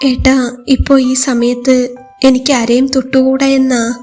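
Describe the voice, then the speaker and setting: A woman's voice: high-pitched, flat delivery, unhurried, a little mellow, faint music behind. A woman voicing a timid young woman who speaks fearfully, her voice trembling, in a storybook reading.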